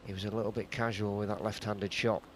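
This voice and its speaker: Man, lowish voice, hushed snooker commentary, conversational, understated, faint venue noise behind. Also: level tone, fast talker.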